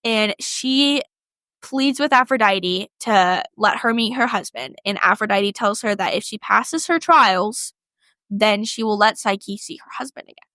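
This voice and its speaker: Her mid-range voice has a sharp tone and a slightly slow pace, recorded with no room sound. She's a young podcast co-host telling a myth casually, chatty and full of slang and "like."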